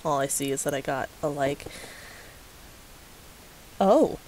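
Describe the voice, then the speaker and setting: A woman's voice: low-pitched, slow pace, darkish tone, slight background noise, rough recording. A woman vlogging to a commenter, sarcastic and profane, often breaking into laughs. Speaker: YouTuber responding to a commenter. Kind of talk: casual ranting vlog.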